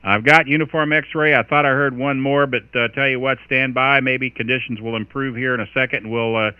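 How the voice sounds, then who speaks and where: A man's voice: medium pitch, steady tone, brisk, lo-fi sound, heavy background noise. An American man working as a radio net controller, making marine radio-style calls with phonetic call signs and casual asides. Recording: band-limited radio transmission.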